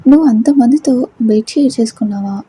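Netra, a fiery jealous young wife, scolding, pointed questions, very husky breathy voice, mellow dark tone, as a woman storyteller puts her on. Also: a little high, fast, low-quality recording. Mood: furious.

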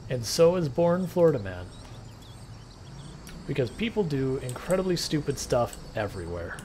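A game streamer chats and jokes loosely, rambling as he plays on a livestream. His darkish mid-range voice swings widely in pitch at a moderate pace, with slight background noise.

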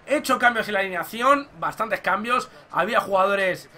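A young man from commentating his own football video game match, talking to viewers and shouting at goals. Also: high-pitched, normal speed. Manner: excitable, shouts at goals, addresses viewers as "chicos". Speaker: gaming YouTuber.

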